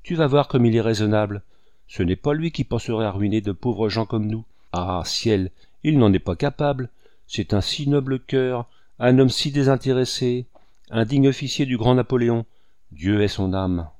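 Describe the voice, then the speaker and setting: A man voicing a scheming old woman who coaxes and flatters in a sweetened voice, in an audiobook reading. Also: medium pitch, normal speed, dry recording, natural voice. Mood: flattering.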